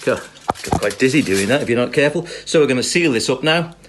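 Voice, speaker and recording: A man's voice: medium pitch, animated, fast. A British man casually talking through his cooking in a chirpy, enthusiastic way, full of tag questions and little asides, recorded at home on a phone. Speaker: home cook presenting a recipe video. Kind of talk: casual chat while cooking. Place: home kitchen, filmed on a phone. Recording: clear background noise, kitchen clatter.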